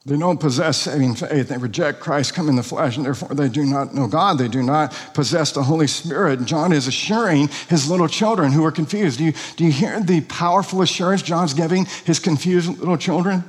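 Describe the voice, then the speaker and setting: A man's voice: on the high side, a little fast, few pauses, long reverb tail. A pastor preaching an expository sermon, earnest and emphatic, asking rhetorical questions of his congregation.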